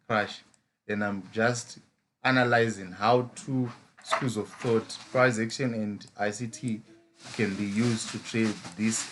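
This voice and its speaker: A Zimbabwean man with a lowish voice and a Zimbabwean English accent teaches chart patterns during a live trading lesson. As a mentor, he repeatedly throws out rhetorical "as a what?" questions, and a faint hiss or hum sits under the audio.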